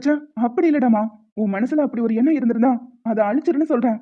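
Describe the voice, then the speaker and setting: Woman voicing a cartoon story, highish voice, sounds tinny like a phone. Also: fast talker. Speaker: narrator voicing the male lead and others. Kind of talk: animated story voice acting.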